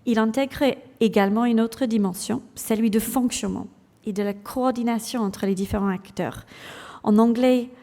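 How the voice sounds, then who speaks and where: Speaking to a lecture hall of doctors, this general practitioner and clinical lecturer from England has a mellow, slightly high voice that reverberates at length. Her conference talk is engaging yet full of hesitant fillers, and she frequently asks the audience quick questions.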